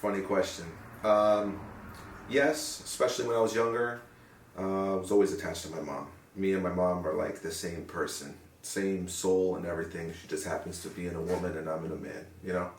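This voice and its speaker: Low-voiced young guy in an interview, thoughtful and earnest, kinda far from the mic, echoey room. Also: fairly even intonation, brisk, slight background noise. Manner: earnest, reflective, searching for words. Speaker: interviewee, paramedic. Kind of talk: sit-down interview. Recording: roomy sound from a distant mic.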